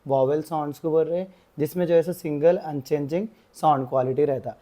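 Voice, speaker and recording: A young man explaining a grammar lesson as a tutor. He uses the same filler phrases again and again and draws out example words slowly. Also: a little high, steady tone, mellow.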